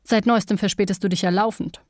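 A woman's voice: medium pitch, steady tone, fast talker, darkish tone, no echo, lightly acted. Grumbling, jealous young workshop apprentice, read by a woman, scornful, dry close sound.

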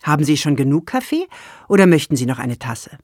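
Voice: mid-range voice, sing-song, fairly quick, no echo. Narrator plays upbeat nurse, lifted friendly voice; dry close audiobook read. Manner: raised, bright caring tone. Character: cheerful care-home nurse woman. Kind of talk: audiobook character dialogue.

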